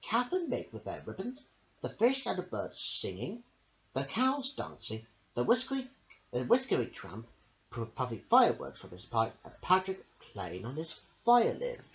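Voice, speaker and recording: A man at a middling pitch reads a children's storybook at a moderate pace, his sing-song delivery hugely animated and leaping up and down. He slips casual asides in between lines. The audio is a dull, lo-fi home recording.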